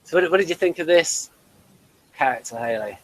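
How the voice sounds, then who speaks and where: A man's voice: on the high side, expressive, a little fast, a bit bright, low-quality recording. A man hosting a casual review chat, talking in long, digressive explanations with dry humour. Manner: chatty and digressive, explaining at length; dry humour, chuckles between points. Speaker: host reviewing a TV series.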